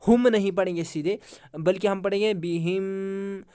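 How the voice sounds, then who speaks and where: A man teaching Quran recitation rules. He asks questions, answers them himself, recites example words slowly and drawn out, and often praises with mashallah. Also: sits high, fairly even intonation, mellow, clear, resonant tone. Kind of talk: Quran tajweed lesson.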